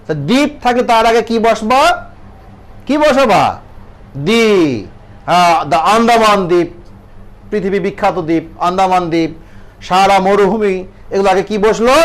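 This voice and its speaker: A man with a Bangladeshi accent teaching an English grammar lesson to children, asking questions and answering them himself. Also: sits high. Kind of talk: classroom lesson.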